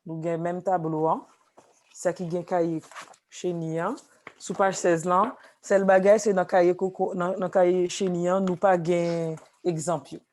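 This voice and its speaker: A woman teaching a language class, explaining slowly with repeated examples. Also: lowish voice, level tone, darkish tone. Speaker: Haitian Creole teacher.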